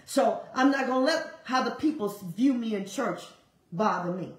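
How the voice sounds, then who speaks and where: A woman preaching a sermon, urging listeners with fervent, repetitive exhortation and sudden leaps in pitch. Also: expressive, moderate pace, roomy sound, poor audio.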